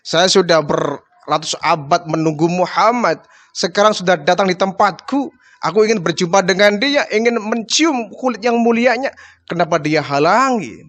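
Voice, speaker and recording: A man's voice: high-pitched, expressive, moderate pace, a bit bright. A male preacher voicing an ancient male snake that grumbles to itself in an inner monologue about having waited for centuries. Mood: resentful. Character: ancient male snake, resentful, long-waiting.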